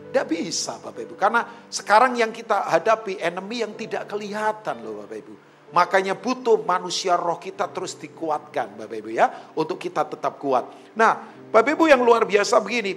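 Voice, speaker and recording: Male pastor, animated sermon delivery, high voice, soft music underneath. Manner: animated preaching, addresses congregation often, mixes in English phrases.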